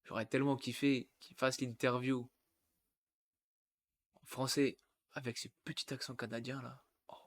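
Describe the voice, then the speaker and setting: A man's voice: medium pitch, little pitch movement, normal speed, long pauses. A man from the Yonne region of France, older than twenty-five, hosting a casual football livestream. He makes jokey asides and breaks off his own sentences as he reads aloud. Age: over 25. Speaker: football streamer.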